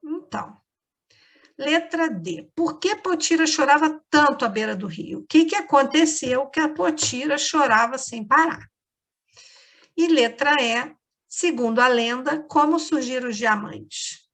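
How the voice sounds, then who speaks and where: A woman's voice: high-pitched, unhurried, a bit bright. A woman teacher with a Brazilian Portuguese accent, giving a lesson to children and explaining each step patiently. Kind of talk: remote class lesson for children.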